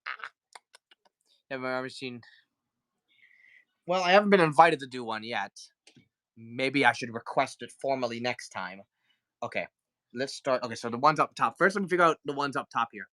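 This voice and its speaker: A man's voice: medium pitch, moderate pace, pauses often, pushed and bright, no room sound. A man hosting a casual live toy sale, chatty and sick with the flu, greeting viewers and counting down offers. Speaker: livestream toy seller. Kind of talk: casual live-selling chat.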